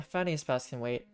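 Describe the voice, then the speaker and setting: A woman casually commentating as she hosts a game livestream, playful and often halting as she thinks aloud. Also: sits low, a little mellow, smooth. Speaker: game streamer hosting a viewer voting game.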